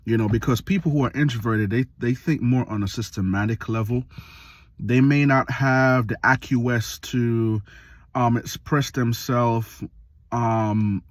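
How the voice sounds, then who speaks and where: A Jamaican vlogger in his late thirties delivers a reflective, casual monologue for his video channel. He speaks slowly at medium pitch, pausing often and using fillers, and the recording is dry.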